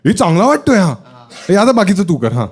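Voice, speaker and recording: A man's voice: sits high, sing-song, a little fast. A male stand-up comedian doing playful, teasing crowd work on stage with a handheld mic. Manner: teasing, playful, chatty with audience. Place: live comedy show with audience. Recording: live show with loud crowd laughter.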